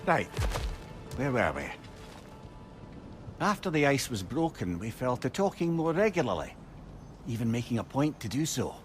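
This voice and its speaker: Here the same kind of role appears: an old Scottish advisor, witty and wistful, played by an actor spinning stories in a video game with a lyrical, wry, conversational touch. The mood is reflective, and his natural mid-range voice swings widely in pitch at a moderate pace, broken by long pauses. Faint music and ambient noise play in the background.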